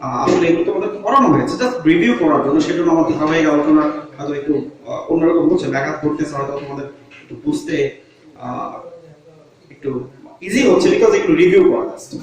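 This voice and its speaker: A male teacher with a fairly high voice leads an online grammar lesson. He moves between Bengali and English words and keeps asking questions before he answers them. The voice carries a heavy room echo and sits some way back from the microphone. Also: lively intonation, fast talker. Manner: explains step by step, asks and answers his own questions. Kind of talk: online class lecture. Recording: very echoey room, from far off.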